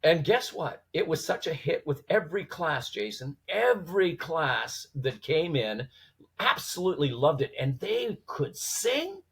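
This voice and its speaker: A man with a slightly husky voice telling stories conversationally as a guest, informally acting out quoted dialogue and posing rhetorical questions. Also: a little high, very animated, unhurried. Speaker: podcast guest, former police trainer. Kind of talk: animated conversational storytelling.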